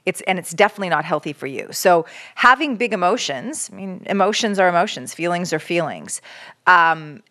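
A woman's voice: fairly low pitch, expressive, fairly quick, pushed and bright. A woman hosting a casual talk on relationships, explaining things step by step with frequent restarts. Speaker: podcast host giving relationship advice. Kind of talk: casual conversation.

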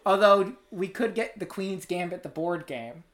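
A woman's voice: lowish voice, normal speed. A woman co-hosting a casual podcast, trading dry, jokey banter. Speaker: podcast co-host.

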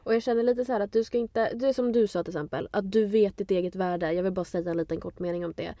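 A woman co-hosting a casual podcast chat over a phone call, speaking in an animated, outspoken way and swearing for emphasis. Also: medium pitch, no room sound. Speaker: podcast co-host. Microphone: phone on a call with a poor connection.

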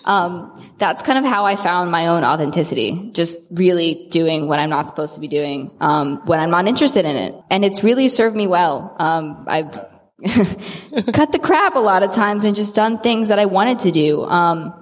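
Twenties woman, blunt and casual, slightly low voice, echoing auditorium. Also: animated, moderate pace. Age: 20s. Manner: casual, frank, many "um"s. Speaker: panelist, architecture student. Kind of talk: live panel discussion. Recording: long hall reverb.

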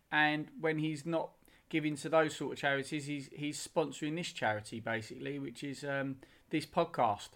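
A British man with a mid-range voice co-hosts a podcast. His talk is casual and conversational, and he drops in deadpan, joking asides as he goes. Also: mid-range voice. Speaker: podcast co-host.

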